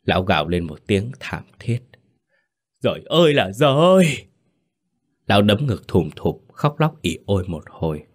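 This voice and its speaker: A man narrating a horror story in a measured, dramatic way. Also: deep voice, big pitch swings.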